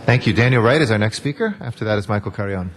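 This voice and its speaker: A man's voice: lowish voice, lively intonation, quick pace. A man chairing a council meeting, making brief procedural announcements of who speaks next.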